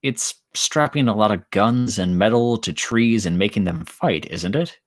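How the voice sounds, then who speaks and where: A man voicing a tense stranger who speaks in clipped, hushed, urgent tones. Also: fairly low pitch, expressive, measured pace, no echo, studio quality.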